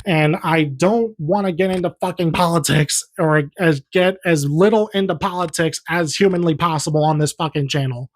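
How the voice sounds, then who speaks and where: A man's voice: a little high, moderate pace, hardly any pauses. Young man, movie review vlog, heated profane rant, repeats himself, swears constantly. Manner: heated, profane, repetitive ranting. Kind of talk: ranting casual review.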